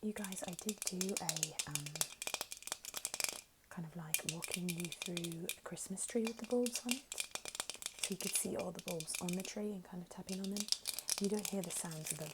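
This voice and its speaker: A woman speaking softly in a casual ASMR style, describing objects in a hushed voice that often slips toward a whisper. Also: on the low side, moderate pace. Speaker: ASMR video creator. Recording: very noisy close recording with crinkling and clicks. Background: tapping, clicking, crinkling and rattling of handled objects.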